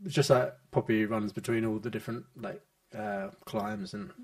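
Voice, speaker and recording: A man's voice: mid-range voice, big pitch swings, normal speed, vocal fry. A British man chatting casually on a podcast in a hesitant, loosely rambling way. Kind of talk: casual chat.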